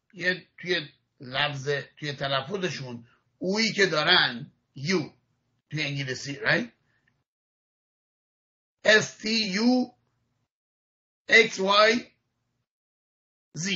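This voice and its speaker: A man gives a religious lesson on Hebrew pronunciation, patiently repeating and demonstrating sounds and often clearing his throat. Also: sits high, bright, forceful tone. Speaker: rabbi teaching Hebrew pronunciation. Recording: muffled lo-fi audio archive.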